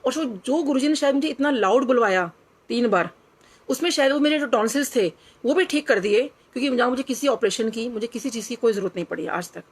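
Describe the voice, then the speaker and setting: A woman's voice: a little high, expressive, fast talker, husky. A middle-aged woman, earnestly sharing a personal devotional story and slipping English phrases into her speech. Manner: earnest, reflective, drops into quoted dialogue, mixes in English phrases.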